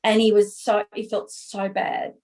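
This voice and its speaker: A woman's voice: medium pitch, little pitch movement, unhurried, darkish tone, low-quality recording. A middle-aged woman, an interview guest telling her story candidly and acting out her own past dialogue.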